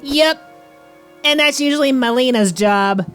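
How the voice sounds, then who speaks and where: A woman's voice: high-pitched, a little slow, a bit bright, smooth, faint music behind. A woman giving casual, dryly teasing banter as co-commentator on a video game playthrough. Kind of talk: casual let's-play banter.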